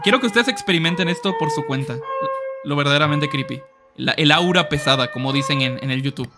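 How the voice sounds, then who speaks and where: A young man with a Mexican accent doing casual, joking let's-play commentary, excitable and swearing freely as he yells at the game. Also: fairly high pitch, brisk, music in the background. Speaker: gaming streamer.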